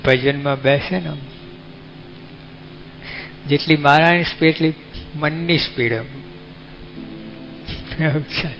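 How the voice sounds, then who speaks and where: A man's voice: fairly high pitch, steady tone, unhurried, pauses often. A man with a Gujarati accent, giving a folksy, conversational sermon as a monk, often asking his listeners questions. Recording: dull lo-fi recording with faint music.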